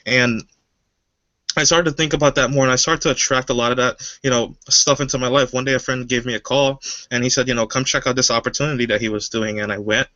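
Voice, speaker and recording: Bright-voiced man from Guyana telling his story. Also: mid-range voice, steady tone, fast, dry recording, muffled recording. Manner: casual, many "you know" fillers. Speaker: webinar guest. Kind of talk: personal story.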